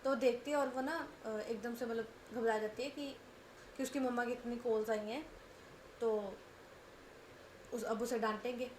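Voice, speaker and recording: A woman narrates a romance story in a loose, chatty way, repeating phrases and checking in with listeners. Her voice sits slightly high. Faint noise hums behind her. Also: steady tone, a little slow, long pauses, echoey room. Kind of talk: casual spoken story narration.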